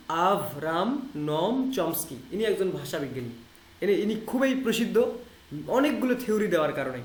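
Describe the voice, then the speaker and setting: High-voiced Bangladeshi male lecturer. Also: reverberant. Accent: Bangladeshi Bengali, Rangpur. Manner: explains English terms in Bengali, repeats key phrases; reads English text slowly and deliberately. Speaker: English literature teacher. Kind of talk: online lecture.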